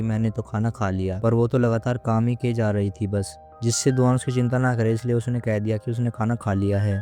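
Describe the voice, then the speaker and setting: Man narrating a drama recap, dark mellow tone, faint music underneath. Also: mid-range voice. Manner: steady retelling with small slips and restarts. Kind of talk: casual storytelling recap.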